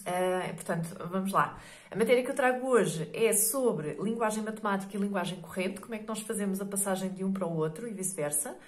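Hoarse from a cold, a middle-aged woman with a European Portuguese accent patiently teaches a maths lesson in an echoey room. Her mid-range voice moves a little fast, and she fills her speech with fillers and frequent checks of "ok?"

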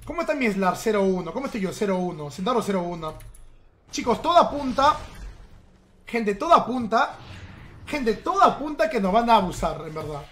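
A man's voice: extremely high pitch, big pitch swings, normal speed, a bit bright, slight background noise. A man giving casual, teasing live-stream commentary while he plays and chats with his viewers. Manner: playful, teasing, chatty with viewers. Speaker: game streamer.

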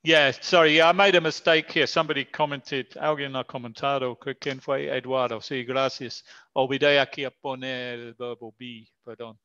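A man's voice: medium pitch, fairly even intonation, moderate pace, few pauses, sharp tone, clean tone, no room sound, muffled recording. A man teaching English in an online lesson, explaining patiently in Spanish with English example phrases, his first language being English.

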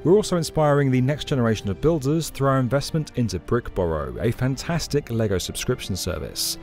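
A man giving scripted documentary narration in a clear, explanatory, lightly conversational way, recorded as a studio voice-over. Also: mid-range voice, lively intonation, brisk, darkish tone, soft background music.

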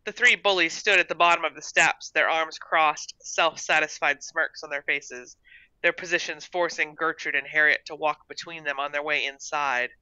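A woman reading her own short story aloud in an expressive storybook narration, on a dull, dry recording. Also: deep voice, no room sound.

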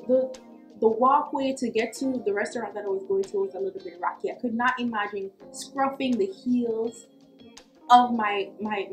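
A young adult woman from Jamaica gives casual, chatty lookbook commentary as a fashion vlogger, emphatic and slangy, stretching words out for effect. Her fairly high voice is reverberant, recorded indoors in a small furnished room at home with faint music behind her.

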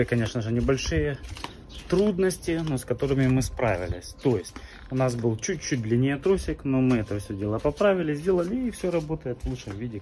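Young male vlogger, mid-pitched, noisy outdoor recording. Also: darkish tone. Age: 20s. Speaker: motorcycle vlogger. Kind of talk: casual vlog explanation to camera. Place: outdoors in a house yard.

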